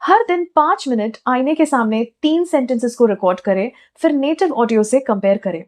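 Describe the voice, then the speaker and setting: A young woman teaching an accent lesson, speaking deliberately and demonstrating each sound slowly. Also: sits high, expressive. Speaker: accent coach. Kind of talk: Hindi-English accent lesson.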